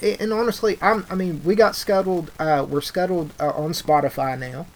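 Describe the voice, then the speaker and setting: Rambling man with halting restarts. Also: fairly high pitch. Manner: rambling, halting restarts, says "dude" a lot. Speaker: podcast host. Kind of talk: casual chat.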